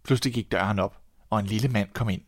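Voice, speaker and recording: A Danish man reading a fairy tale aloud in a calm, measured storytelling manner. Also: on the low side, dry recording, studio quality.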